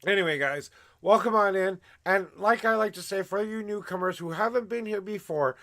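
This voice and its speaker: A man with a gravelly smoker's rasp, hosting a livestream as a tarot reader in casual, emphatic, effusive patter to viewers. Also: sits high, moderate pace, a bit bright. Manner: effusive, emphatic showman, repeating welcomes and promises.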